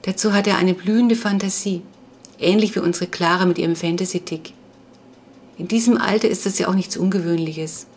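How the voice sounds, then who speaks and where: A woman reading the part of a caring, persuasive middle-aged mother in an audiobook, calm and reasoning. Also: fairly low pitch, fairly quick, breathy edge. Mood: earnest.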